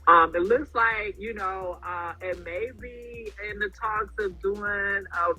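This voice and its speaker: Male interview host, effusive and encouraging, husky, high-ish voice. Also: fairly even intonation, slow, sharp tone, soft background music, rough recording. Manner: encouraging and effusive, many fillers. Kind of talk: casual interview chat.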